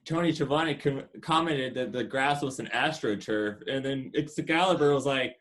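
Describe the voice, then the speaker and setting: A man co-hosting a casual review podcast, talking excitedly and swearing freely. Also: medium pitch, normal speed. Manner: excited, profane. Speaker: podcast co-host. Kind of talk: casual wrestling review chat.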